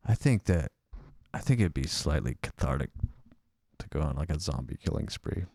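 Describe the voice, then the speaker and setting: A man's voice: rumbling low, lively intonation, normal speed, creaky, a little mellow, no room sound, clean studio sound. A young man co-hosting a podcast in casual chat, hesitant with lots of fillers and restarts. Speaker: podcast co-host.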